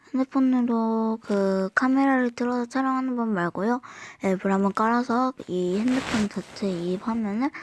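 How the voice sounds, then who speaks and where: A woman giving an unscripted phone app tutorial in a halting way, restarting words, her voice run through a voice changer. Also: medium pitch. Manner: halting, repeats word starts. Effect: voice altered by voice changer. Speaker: tutorial host. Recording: clear background noise with clicks.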